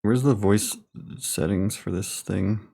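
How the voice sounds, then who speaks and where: A man's voice: fairly low pitch, slow pace, gravelly, warm tone. A man streaming a game, chatting casually in a blunt, offhand way. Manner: blunt, offhand, says "dude" a lot. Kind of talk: casual gaming stream chat.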